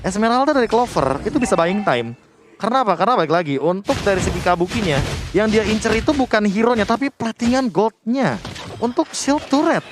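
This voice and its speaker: Fast, high-voiced Indonesian game analyst, male. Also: expressive, noisy background. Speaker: esports analyst commentator. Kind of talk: live analytical game commentary.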